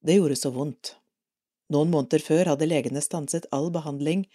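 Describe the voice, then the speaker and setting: A Norwegian woman reading a devotional article aloud for an audio edition of a parish magazine, calm and measured. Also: deep voice.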